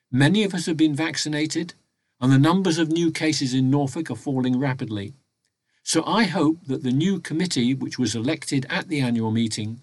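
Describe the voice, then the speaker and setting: A man reads a prepared report in a measured, formal way, recording at home inside a wardrobe. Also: medium pitch, dry recording. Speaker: volunteer reporting to members of a local talking newspaper. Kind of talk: prepared spoken annual report, read aloud. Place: home recording inside a wardrobe, close and muffled by soft surroundings.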